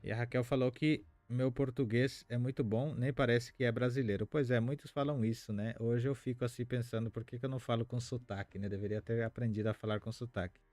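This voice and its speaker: A man's voice: medium pitch, steady tone, brisk, few pauses, darkish tone, no room sound, faint music behind. A man from Paraguay, whose first language is Spanish, teaching a Guarani lesson on a live stream in a chatty way, reading out viewer comments and thinking aloud with many fillers.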